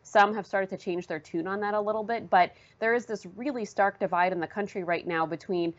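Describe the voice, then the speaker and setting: A woman reporter giving fluent, measured news analysis in an interview. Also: medium pitch, muffled recording. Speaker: newspaper reporter guest.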